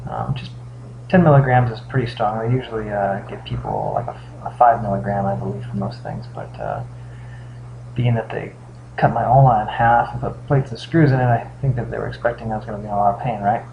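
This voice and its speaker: A man giving a casual, halting video update as a patient, sounding weak and drained the day after surgery. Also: fairly low pitch, big pitch swings, vocal fry. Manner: halting, pausing often mid-thought. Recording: dull lo-fi sound with faint hum.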